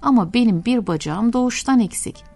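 A woman voicing a shy, honest young boy in a storybook reading, soft and wondering. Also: on the high side, lively intonation, fairly quick, creaky, slightly rough, heavily acted. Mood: earnest.

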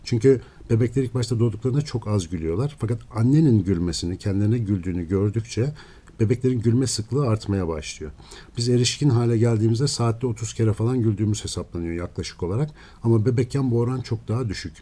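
A male neuroscientist guest giving steady, lecturing explanations in a radio interview. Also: lowish voice, quick pace.

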